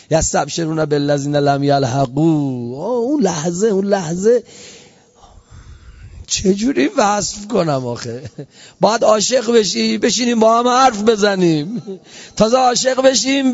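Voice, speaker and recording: A man preaching an emotional mourning sermon, repeating phrases as his voice swells and sinks. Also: fairly high pitch. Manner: impassioned, repetitive, swelling and sinking in loudness. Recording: dull lo-fi recording.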